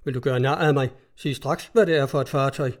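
A man's voice: mid-range voice, lightly acted. A man voicing an irate male customs-cutter captain who curses and barks orders, in a read-aloud story. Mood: furious. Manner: gruff, cursing, barking orders.

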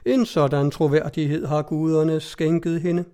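A man voicing a fawning hunchbacked male jester who flatters in ornate, servile phrases. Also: a little high, smooth, natural voice.

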